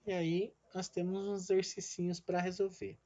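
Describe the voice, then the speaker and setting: A man's voice: sits high, little pitch movement, moderate pace, dark tone. A man with a slightly raised voice walks his students through a lesson one step at a time, often checking in with short questions. He talks about himself as the teacher. The sound is dull and lo-fi, like a simple home lesson recording. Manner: explains step by step, asks "né?" and "certo?" after each point; calls himself "the teacher" in the third person. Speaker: physics teacher. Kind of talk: recorded online lesson at a drawing screen.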